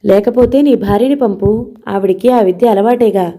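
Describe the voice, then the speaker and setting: A woman's voice: medium pitch, normal speed, mellow, natural voice. A woman voicing a domineering middle-aged man who harshly scolds and threatens his younger brother in an audio novel. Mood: scolding.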